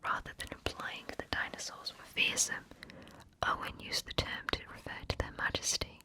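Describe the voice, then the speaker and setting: An ASMR narrator whispering scripted facts right up close to the listener's ear throughout. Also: moderate pace. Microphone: close ear-to-ear stereo microphone.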